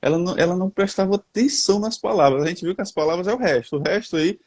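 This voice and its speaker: A man's voice: high voice, fast, a little mellow, no echo. A man with a Brazilian Portuguese accent, chatting casually and folksily about communication, talking to listeners on a headset. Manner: talkative, folksy, addresses the audience as "gente" and "cara". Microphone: headphones.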